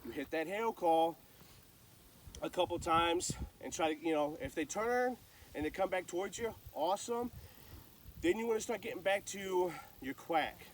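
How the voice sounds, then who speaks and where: A man's voice: high voice, animated, normal speed, far from the mic, slight background noise, low-quality recording. A man giving casual, folksy, plain-spoken instruction as a hunter sharing calling tips.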